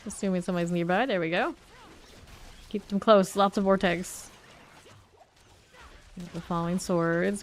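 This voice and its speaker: A woman with a low-side voice talks to herself while streaming a game, chatty and self-questioning as she weighs her choices out loud. She's congested and sniffly from a cold, and there's slight background noise.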